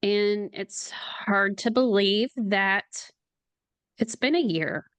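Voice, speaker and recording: A middle-aged woman, a podcast guest, speaking in a slow, halting, emotional way, near tears at times. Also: medium pitch, fairly bright tone, clear, resonant tone, no room sound. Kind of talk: podcast interview.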